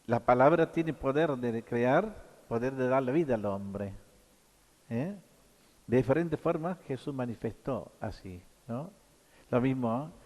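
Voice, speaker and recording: Male priest, mid-pitched, halting sermon full of tag questions, long church echo. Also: lively intonation, darkish tone. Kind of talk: sermon at Mass.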